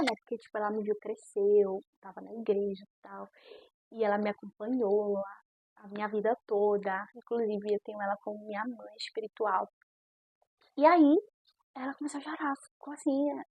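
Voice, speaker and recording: A woman's voice: mid-range voice, moderate pace, pauses often, husky, no room sound, dull audio. A woman, telling her faith testimony in an earnest, chatty way.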